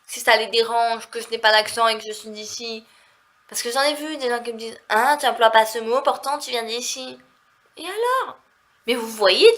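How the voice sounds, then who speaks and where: A woman from southern France talks straight to her viewers in a rambling vlog, her voice nasal and set a little high. She keeps circling back with fillers as she chats. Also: a bit bright. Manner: chatty, rambling, heavy on fillers. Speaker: vlogger. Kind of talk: casual vlog chat.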